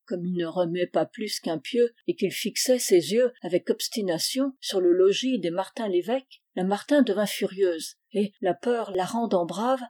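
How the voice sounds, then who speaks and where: A woman narrating a classic literary short story in a measured, even reading voice. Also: mid-range voice. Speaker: reader.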